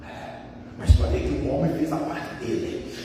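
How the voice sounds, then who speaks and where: A man preaching a sermon with passion, calling his listeners brothers and breaking into high cries when he quotes others. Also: steady tone, normal speed, mellow, slight background noise. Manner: impassioned, rising to high cries when quoting Jesus and the father; addresses listeners as brothers, repeats words. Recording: echoey hall, voice from a distance.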